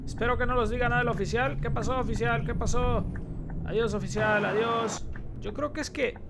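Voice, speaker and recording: Honduran man, high voice, chatty gaming host talking to viewers over a loud game engine. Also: steady tone, fairly quick, vocal fry. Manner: chatty, keeps addressing viewers as friends. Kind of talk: gameplay commentary. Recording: loud bus engine and traffic noise behind. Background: driving game bus engine and road sounds.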